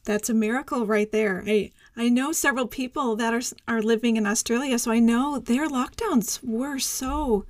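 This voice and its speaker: A woman's voice: on the high side, normal speed, few pauses, a little mellow, no echo, clean studio sound. A woman hosting a faith podcast, affirming and encouraging her guest in casual chat. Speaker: podcast host.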